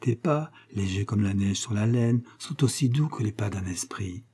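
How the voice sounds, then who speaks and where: A man's voice: lowish voice, lively intonation, normal speed, mellow, breathy edge. A man voicing an elderly aristocratic lady who is effusive and commanding. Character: elderly aristocratic lady, warm, imperious, impulsive.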